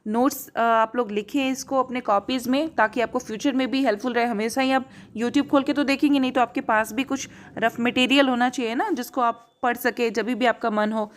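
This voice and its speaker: A woman's voice: on the high side, steady tone, normal speed, slight background noise. A woman with an Indian accent teaching English grammar, stressing words and checking in with rhetorical questions. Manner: emphatic, repeats key words, asks rhetorical checks. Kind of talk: explanatory lesson.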